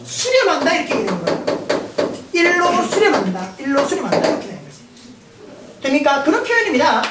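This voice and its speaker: High lively lady math teacher, gyeongsang accent, echoey room, mic far off, noisy. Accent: Gyeongsang Korean. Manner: lively, playful, laughs often, asks the class questions. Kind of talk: lecture. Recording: roomy, distant mic, noisy.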